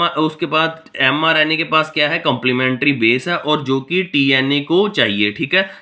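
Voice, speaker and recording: A male tutor gives a recorded lecture in a bright, somewhat tense voice. He poses questions to his students and answers them himself, with frequent fillers and restarts. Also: fairly high pitch. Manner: explains by asking and answering his own questions, many fillers. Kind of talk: recorded lecture mixing Hindi and English.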